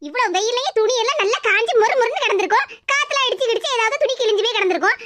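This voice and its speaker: A woman's voice: extremely high pitch, animated, rapid-fire. A woman voicing a blunt, brash middle-aged neighbor woman in a cartoon. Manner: brash, comforting, mocking. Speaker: neighbor character. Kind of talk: cartoon voice acting. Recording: noisy cartoon voice track.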